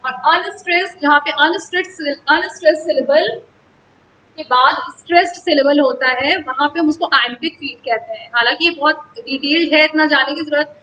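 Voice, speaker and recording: A woman's voice: high voice, moderate pace, bright, forceful tone, a little hiss or hum, poor audio. A woman teaching in a classroom lecture style, explaining step by step and mixing English terms into her talk.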